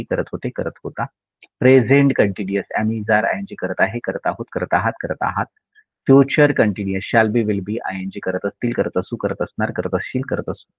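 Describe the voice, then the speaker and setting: Gravelly-voiced man teaching grammar. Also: lowish voice, no echo. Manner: recites tense endings in quick drilled lists; slowly dictates example sentences word by word. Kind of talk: lecture. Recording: dry, tinny phone-like sound.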